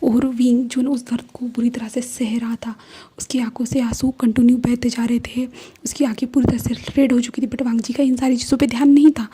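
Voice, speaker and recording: A woman narrating a fan fiction story in Hindi-English, in a soft, often whispered voice. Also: fairly high pitch, slight background noise.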